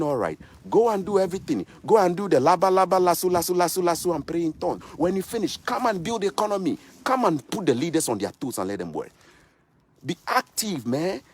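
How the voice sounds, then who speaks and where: A Ghanaian-accented man in his thirties rants about politics straight into his vlog camera, out in a snowy landscape. His voice leans high, with a darkish tone and breathy edge, as he hammers home rhetorical question after rhetorical question in preacher-like fashion.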